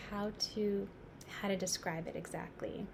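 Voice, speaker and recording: A woman playing a reflective New Yorker in an intense dramatic stage monologue, speaking in a halting, confiding way. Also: mid-range voice, fairly even intonation, creaky, a little mellow, slight background noise, lightly acted. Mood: dazzled, wondering. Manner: halting, confiding, pausing and repeating words for emphasis. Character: reflective New York woman musing on mortality. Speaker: actor performing a stage monologue.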